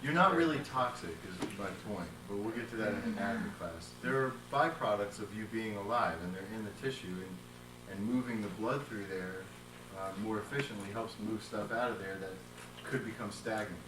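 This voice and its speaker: A man's voice: on the low side, a little fast, distant mic. A man teaching a massage class, playful and joking with his students. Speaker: massage instructor. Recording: roomy classroom taped from afar, noisy.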